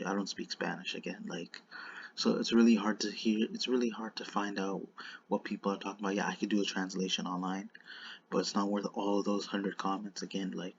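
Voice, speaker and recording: Low-voiced man with a whistling lisp. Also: breathy edge, dull audio. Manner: halting and repetitive, circling back over phrases. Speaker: online commentator. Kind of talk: unscripted commentary.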